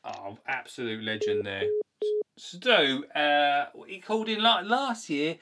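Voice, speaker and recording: A man's voice: fairly high pitch, expressive, slow pace, pushed and bright, a little hiss or hum. A man with an Essex accent hosting a live call-in, chatting casually in an informal, matey way. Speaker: live call-in show host. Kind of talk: casual unscripted chat with callers.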